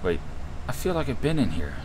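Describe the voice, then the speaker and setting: A man's voice: on the low side, very animated, a little fast. A man giving casual, rambling game commentary, swearing freely and running himself down. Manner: profane, self-deprecating. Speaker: gamer doing a playthrough. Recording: noisy background hum.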